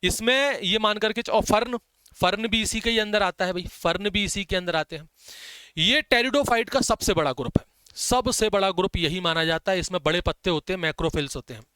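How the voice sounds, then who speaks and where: A man teaching a biology class in Hindi mixed with English, dictating notes and slowly repeating the key terms, with chatty asides. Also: high-pitched, pushed and bright, clean tone, no echo.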